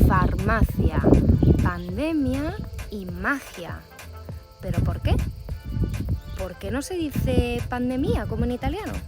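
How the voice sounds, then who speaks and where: A young woman teaching an online language lesson, stressing syllables clearly and emphatically. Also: mid-range voice. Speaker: Spanish teacher. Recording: loud background music.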